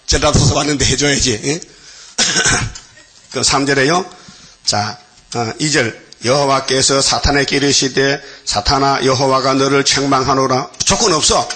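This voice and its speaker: A man's voice: medium pitch, slow, sharp tone. A man preaching a dawn-service sermon in a folksy, conversational way, often tossing questions to his listeners. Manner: folksy, peppers talk with questions like "huh?". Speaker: pastor.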